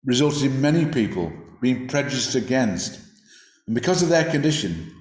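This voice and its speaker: A man's voice: mid-range voice, very animated, normal speed. Man from preaching in an echoey room. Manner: reflective, conversational, with small restarts. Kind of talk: sermon. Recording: roomy echo.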